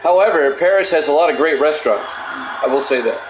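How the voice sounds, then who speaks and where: A middle-aged man hosting a stream and calling simulated football plays in a measured, matter-of-fact way, with casual asides. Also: a little high. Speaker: play-by-play announcer and stream host. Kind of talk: simulated football play-by-play commentary. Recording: echoey room with steady background noise.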